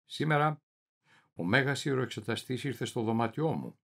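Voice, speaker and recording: A man performing a theatrical reading as a deluded, paranoid middle-aged clerk, swinging wildly between shouting and muttering. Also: mid-range voice, expressive. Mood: bewildered, paranoid. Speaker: reader of a dramatic monologue.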